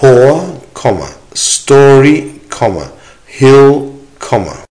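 Slow, deliberate man reading a dictation. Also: medium pitch, very animated, darkish tone. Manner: deliberate, measured enunciation with pauses. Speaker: language teacher reading dictation. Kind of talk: slow dictation read aloud, each phrase repeated, punctuation spoken.

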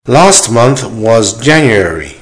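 A man reading a dictation exercise as a teacher, in short, measured, deliberate phrases with punctuation spoken aloud. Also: mid-range voice, sing-song. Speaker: language teacher giving dictation.

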